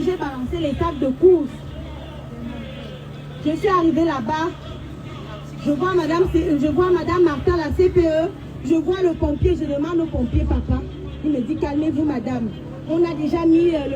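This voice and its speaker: A woman, a mother giving a personal account with halting restarts and bits of acted-out dialogue. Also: extremely high pitch, darkish tone. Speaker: mother telling what happened to her daughter. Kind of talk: emotional personal testimony.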